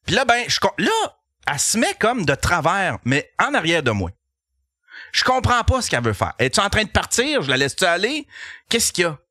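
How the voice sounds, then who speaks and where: A man with a Québécois accent, a podcast host telling a comic story in an animated, profane way and laughing as he goes. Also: high voice, a little fast, dry recording, clean studio sound. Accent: Québécois French.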